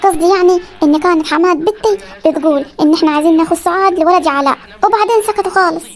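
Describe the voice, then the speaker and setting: An actor voicing a bossy, scolding Upper Egyptian village mother in a comedy cartoon, with an Upper Egyptian accent. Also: very high voice. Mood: insistent. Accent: Upper Egyptian Arabic. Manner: scolding, ordering, quick threats.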